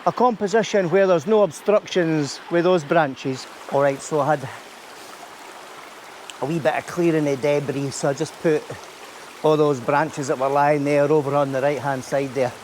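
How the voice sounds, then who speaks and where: A Scottish landscape photographer vlogs outdoors beside a stream beneath a bridge, keeping his commentary chatty and explanatory. He speaks at normal speed with a somewhat high, darkish voice and fairly even intonation, over slight background noise.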